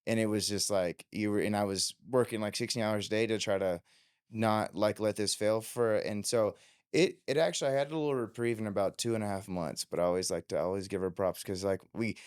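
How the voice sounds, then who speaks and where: A man's voice: lowish voice, fairly quick, clean tone, dry recording, clean studio sound. A man hosting a podcast interview, talking casually with many restarts and fillers. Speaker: podcast host.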